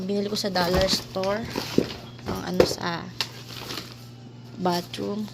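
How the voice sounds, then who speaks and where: A woman chatting casually in a home vlog, showing her fridge and her groceries, switching between Tagalog and English. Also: medium pitch. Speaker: vlogger. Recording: noticeable background noise.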